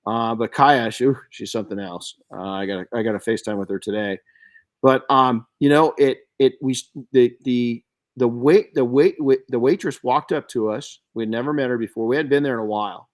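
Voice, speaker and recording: An older man hosting a podcast, telling stories in an animated way with frequent restarts. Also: mid-range voice, fairly quick. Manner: animated storyteller with many restarts. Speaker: podcast host. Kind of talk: casual podcast chat.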